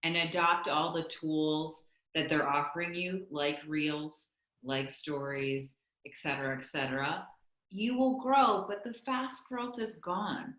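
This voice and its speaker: A woman's voice: low voice, fairly even intonation, takes it slowly, fairly bright tone. A woman guest on a podcast interview, talking candidly and chattily, with lots of likes. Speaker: guest, content creator. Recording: roomy echo.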